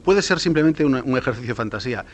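A man's voice: medium pitch, expressive, rapid-fire, slight background noise. A man speaking as a journalist guest on a radio talk show, explaining at length with many fillers.

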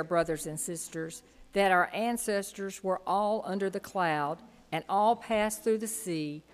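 Woman reading scripture in an echoing hall. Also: mid-range voice. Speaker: scripture reader. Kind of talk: formal scripture reading aloud in church. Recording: reverberant hall.

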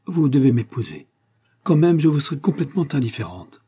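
A man's voice: a little high, sing-song, fairly quick, mellow, slightly rough, pitched above the performer's own voice. A man voicing a proud, impulsive young noblewoman in a storybook reading, with a heightened, emotional delivery. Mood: haughty.

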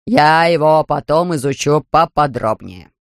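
A reader voicing a stern, pompous older male judge who speaks slowly and gruffly. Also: mid-range voice, no echo, clean studio sound, natural voice. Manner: slow, gruff, barking.

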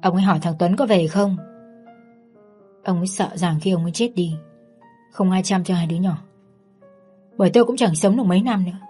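A woman's voice: lowish voice, brisk, long pauses, warm tone, breathy edge, soft background music. Woman voicing a weary stern old grandmother. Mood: reproachful. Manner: weary, reproachful. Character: stern grieving elderly grandmother.

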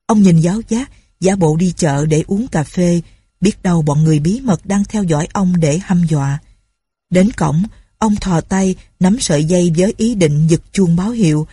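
A woman narrating a story in a steady, unhurried way. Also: on the low side, breathy edge, no echo.

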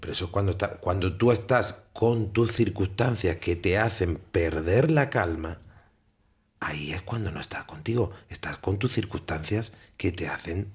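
A man's voice: low voice, normal speed, few pauses. A man on radio chatting playfully and reflectively, making puns and musing, at times dropping to a whisper.

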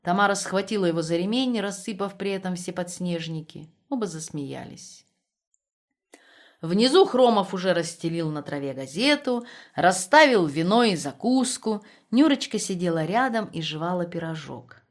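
A woman reading a novel aloud as an audiobook narrator, measured and expressive. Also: fairly low pitch.

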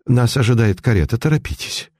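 A man's voice: lowish voice, expressive, normal speed, warm tone, no echo, studio quality. A man playing an urgent, commanding doctor. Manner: polite but insistent.

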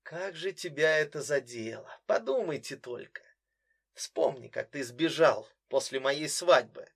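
A man's voice: on the high side, expressive, unhurried, gravelly, slightly rough, full character voice. A man voicing a bitter, mocking young woman who coldly accuses her brother in an audiobook.

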